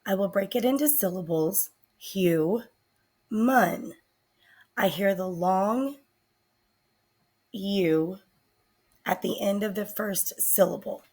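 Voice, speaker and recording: A woman teacher giving a recorded spelling lesson, speaking slowly and deliberately and sounding out words. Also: mid-range voice, warm tone, breathy edge.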